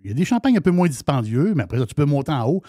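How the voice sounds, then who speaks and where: A man's voice: fairly high pitch, very animated, rapid-fire, mellow, no room sound, clean studio sound. A man with a Québécois French accent, speaking as a wine columnist in casual radio chat, restarting and repeating words as he talks.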